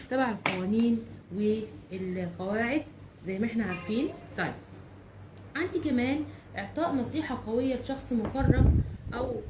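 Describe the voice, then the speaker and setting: Egyptian lady teacher going over english grammar, slightly high voice, repeats stuff and asks "what?" a lot. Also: background noise. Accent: Egyptian Arabic. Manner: slow drawn-out English examples, repeats phrases, asks rhetorical questions. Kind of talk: grammar lesson explaining in Arabic with English examples.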